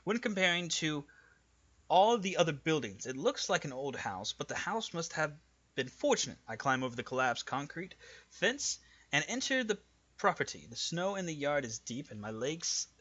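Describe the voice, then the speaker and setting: Guy reading a game story aloud, bright edgy voice, trips over words sometimes, muffled lo-fi mic. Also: on the high side, sing-song, normal speed. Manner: stumbles over words and teases his co-reader. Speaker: co-host reading a visual novel aloud. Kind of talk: casual read-along with banter.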